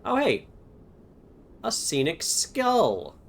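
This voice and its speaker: A man's voice: fairly high pitch, wildly swooping pitch, drawn-out words, creaky, slight background noise. A man giving casual let's-play commentary, playful and thinking aloud as he works through puzzles. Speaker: game streamer.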